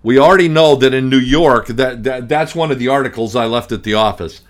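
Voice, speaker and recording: A brisk, medium-pitched man, middle-aged, hosts a radio talk show as an estate planning attorney. He rants with emphasis and repeats himself to hammer points home, restarting often, blunt and grumpy.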